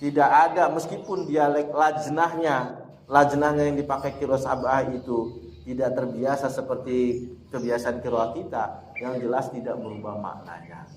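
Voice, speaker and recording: Man, relaxed chatty lesson, laughs often, roomy echo, faint hum behind. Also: medium pitch, normal speed. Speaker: Quran teacher. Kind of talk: informal classroom lesson. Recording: echoey room with faint ambience.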